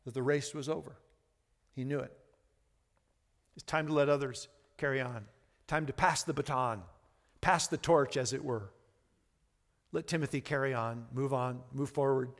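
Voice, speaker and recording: A man in his sixties preaching a sermon as pastor, earnest, often repeating words, moving between hushed lines and fervent ones. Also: medium pitch, in a large hall. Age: 60s.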